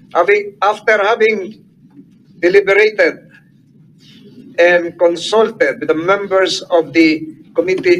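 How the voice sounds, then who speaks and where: A man chairing a committee hearing in a measured, formal way, mixing in procedural rulings. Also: fairly high pitch, fairly bright tone, a little hiss or hum, poor audio.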